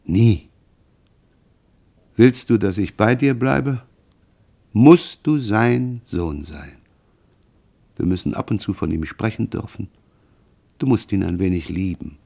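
A man reading the lines of a grieving, frightened mother in an audiobook, in a slow, mournful confessional manner. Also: fairly low pitch, vocal fry, dark tone, full character voice.

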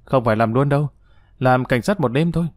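This is a jovial young hero in a spoken storybook, calm and persuasive, taking the lead. He is voiced by the male narrator close to his own tone. The recording is dry and close-miked. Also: mid-range voice, a little fast, dry recording, close to an everyday voice. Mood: assured. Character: confident young man, calm leader, jovial.

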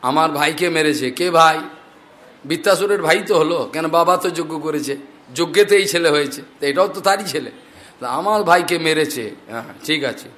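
A male preacher giving a scripture discourse, reciting Sanskrit mantras and telling animated stories. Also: on the high side, moderate pace.

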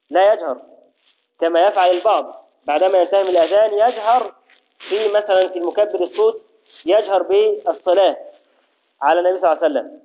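A man teaching a religious lesson, explaining step by step, reciting formulas slowly and often checking that his students follow. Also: high voice. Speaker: Islamic jurisprudence teacher. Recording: tinny phone-like audio.

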